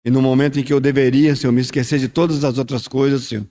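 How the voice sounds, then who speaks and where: A man's voice: medium pitch, little pitch movement, fast talker, dark tone. Man leading communion prayer. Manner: reflective, repeats "Senhor" in prayer. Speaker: church leader at communion. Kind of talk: sermon and spoken prayer.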